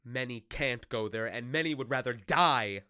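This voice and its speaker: An actor playing a solemn, earnest gentleman collecting for charity in a radio play, speaking formally. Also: medium pitch, moderate pace, clean tone, dry recording, studio quality, lightly acted. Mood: earnest appeal.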